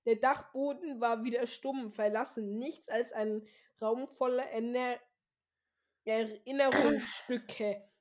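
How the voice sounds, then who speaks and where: A woman's voice: fairly high pitch, fairly even intonation, takes it slowly, darkish tone. A German-speaking woman reading a novel aloud casually, often stumbling and restarting words with chatty asides. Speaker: reader of a book aloud.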